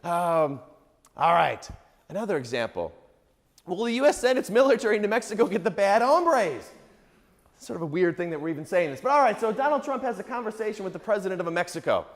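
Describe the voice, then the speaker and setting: A man's voice: high voice, big pitch swings, a little fast. A male political science lecturer giving a public talk in a conversational, sarcastic way, often checking in with the audience. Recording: echoey hall with long reverb.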